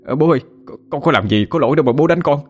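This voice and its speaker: A man's voice: fairly high pitch, animated, rapid-fire, soft background music, voice pushed up. A man doing a pleading young son. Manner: pleading, defensive.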